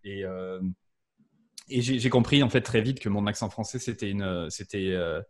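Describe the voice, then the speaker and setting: A man's voice: lowish voice, normal speed, a little mellow. A French man speaking as a podcast guest in a casual interview, hesitant with many fillers and restarts. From France. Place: lives in Ireland.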